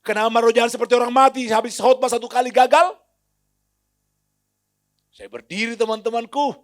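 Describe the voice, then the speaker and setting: A man preaching a sermon to a congregation in a church hall, alternating between quiet storytelling and loud shouted exhortation. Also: very high-pitched, a little fast. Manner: addresses the congregation as friends, often calling out "hei". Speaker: pastor.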